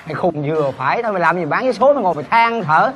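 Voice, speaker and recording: A man's voice: high-pitched, expressive, very fast, fairly bright tone. A male comedian playing a brash, bossy sticky-rice seller who scolds his friend in a stage sketch. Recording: live stage with background noise.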